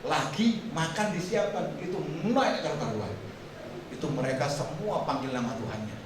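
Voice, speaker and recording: A man's voice: on the high side, normal speed. A man preaching a sermon, joking and questioning the congregation as their pastor. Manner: joking, asks the congregation questions, lively delivery. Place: church hall. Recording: echoey hall, heard from far off, noisy.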